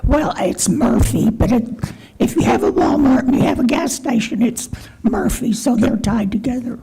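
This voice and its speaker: A woman who is losing her voice, hoarse, asking blunt, clipped questions at a town council meeting. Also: on the high side, moderate pace, dark tone, low-quality recording.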